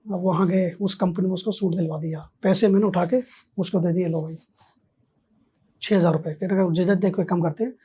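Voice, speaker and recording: A man's voice: high voice, fairly even intonation, brisk, mellow, breathy edge. A man, a podcast guest, telling a story in casual conversation and acting out both sides of the dialogue.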